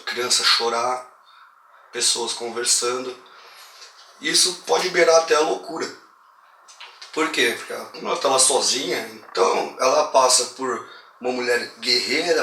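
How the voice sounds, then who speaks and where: A man with a Brazilian accent casually retelling a horror film plot, slangy and animated. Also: medium pitch, distant mic. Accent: Brazilian Portuguese. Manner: slangy, animated retelling that acts out quoted lines. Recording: roomy echo, voice a bit off-mic, faint hiss.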